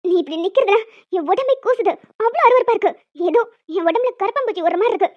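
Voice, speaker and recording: A woman's voice: very high-pitched, lively intonation, quick pace. A woman voicing a frightened but defiant young woman in a cartoon, scolding and pleading. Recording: dull lo-fi with music behind.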